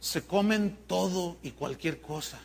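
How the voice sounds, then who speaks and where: A man preaching a sermon as pastor, in an animated, mocking way. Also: high-pitched, unhurried, vocal fry.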